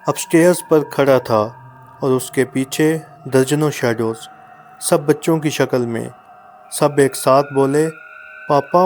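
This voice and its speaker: Male storyteller, first-person horror narration, slow dramatic pauses, mid-pitched, soft music bed. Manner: dramatic, measured delivery with pauses.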